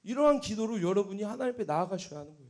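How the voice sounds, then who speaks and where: A young man, a junior pastor, preaching a sermon with emphatic swings between loud exclamations and hushed asides. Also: high-pitched, animated, racing.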